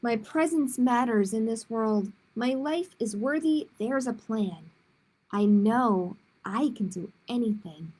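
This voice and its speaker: Here a storytime host at the library reads picture books to children using simple wording, with relaxed asides to the listeners. She has a fairly high, expressive voice that is slow, a little mellow and breathy at the edges, captured in a rough recording.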